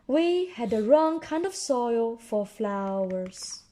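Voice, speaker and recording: A woman's voice: fairly high pitch, lively intonation, takes it slowly, mellow. Woman doing a jovial storybook daddy pig. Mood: embarrassed. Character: Daddy Pig, adult father pig, jovial and boastful.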